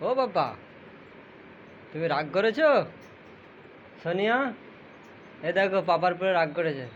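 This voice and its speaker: Young father, high voice, sing-song coaxing to a child, dull lo-fi sound. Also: animated, a little slow, a bit bright, a little hiss or hum. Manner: pleading, sing-song baby talk. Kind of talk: coaxing talk to a small child.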